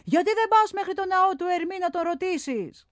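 Brief: woman reading jolly storybook sculptor, calls out loud, high-pitched, dry recording. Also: animated, dry recording. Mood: cheerful shouting. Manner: shouting from afar. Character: cheerful male sculptor calling down from scaffolding.

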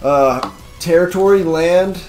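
A man chatting with friends over a video game, answering hesitantly with many pauses and fillers. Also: sits high, a little mellow, faint music behind. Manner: hesitant, full of ums and uhs. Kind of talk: casual chat while gaming.

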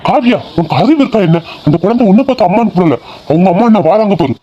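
A man voicing a young husband in an animated family drama, hurried, alternately coaxing and scolding his crying wife. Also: sits high, highs cut off, a little hiss or hum. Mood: impatient coaxing. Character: young husband, impatient and embarrassed.

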